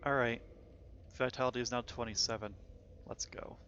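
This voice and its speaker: A man's voice: medium pitch, steady tone, moderate pace, a bit bright, lo-fi sound, slight background noise. A man streaming a game, chatting casually in a playful, exclamatory way with friends and viewers. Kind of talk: casual gaming chat.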